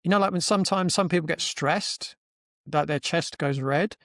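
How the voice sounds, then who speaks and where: A man hosting a podcast, with a slightly high voice, recorded dry and close. He tells a story in a casual, animated way, acting out each quoted line and often restarting his sentences. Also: moderate pace, no room sound. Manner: animated, acts out quoted dialogue, frequent restarts. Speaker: podcast host.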